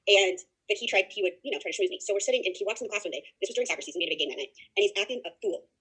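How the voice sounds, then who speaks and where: A woman's voice: mid-range voice, expressive, a bit bright, slightly rough, low-quality recording. A woman in her thirties teaching a college education class in a casual, chatty way, telling stories with frequent restarts. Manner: fast, chatty storytelling with many restarts.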